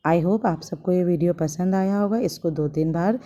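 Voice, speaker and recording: A woman teacher reading out pairs of opposite words in a recorded lesson, repeating each list slowly for students to copy down. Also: lowish voice, mellow. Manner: reads word pairs slowly and repeats them. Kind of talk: recorded Hindi vocabulary lesson.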